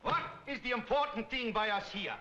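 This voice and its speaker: An actor playing a boastful German immigrant student with a German accent, bragging in broken English. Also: male voice, extremely high pitch, brisk, dull audio. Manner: pompous, bragging. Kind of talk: 1960s sitcom acting. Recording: hissy, roomy old TV soundtrack.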